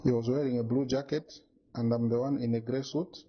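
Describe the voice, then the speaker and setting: A man's voice: medium pitch, fairly even intonation, brisk, highs cut off, slight background noise. A man giving an interview, insistent and indignant as he talks through his evidence. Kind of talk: press interview.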